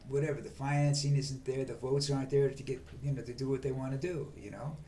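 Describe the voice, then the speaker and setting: In this rambling monologue, an older man who hosts a vlog speaks at a slow, flat pace, tripping through many restarts and fillers. A light hiss runs underneath his middle-range voice.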